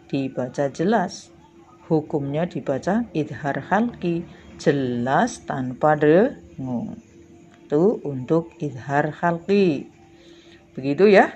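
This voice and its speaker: A woman's voice: deep voice, darkish tone, lo-fi sound, slight background noise. A woman teacher explaining a lesson patiently to schoolchildren, drawing out the example words as she recites them. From Indonesia. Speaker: primary school religion teacher. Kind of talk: slow classroom lesson.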